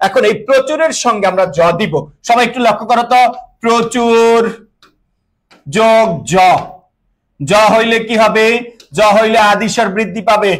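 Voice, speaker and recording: A man's voice: very high voice, fairly even intonation, normal speed, pauses often, fairly bright tone, poor audio. A young male teacher, giving an online class. He keeps asking his students questions and answering them himself, and he mixes English words into his speech.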